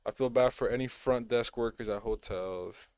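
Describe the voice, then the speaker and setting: A man's voice: mid-range voice, moderate pace, darkish tone, no echo. A man co-hosting a podcast in casual chat, blunt and swearing freely. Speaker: podcast co-host.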